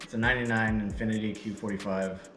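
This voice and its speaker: A man with a lowish voice, tired and a little out of breath, chatting loosely to his viewers as he unboxes and reviews gear. The room rings with echo, and music plays clearly behind him. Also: fairly even intonation, quick pace, a bit bright. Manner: casual, rambling, talks straight to viewers. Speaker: vlogger. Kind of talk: casual unboxing and review vlog. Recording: echoey room with background music.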